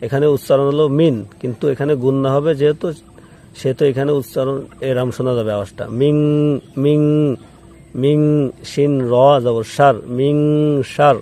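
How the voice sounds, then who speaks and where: This Quran recitation teacher works step by step, spelling out letters and vowel marks, then slowly chanting each word and patiently repeating the rules. He has a medium pitch and a steady, darkish tone.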